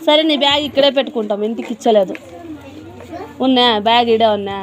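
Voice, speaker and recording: A woman's voice: on the high side, fast. A woman tuition teacher, scolding and teasing a crying child. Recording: noisy room with children around.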